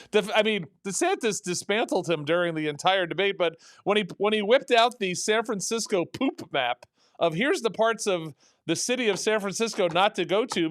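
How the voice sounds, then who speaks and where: A man's voice: high voice, clean tone, no room sound, clean studio sound. A man hosting a political talk show, rambling and sarcastic, with many restarts. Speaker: radio talk show host.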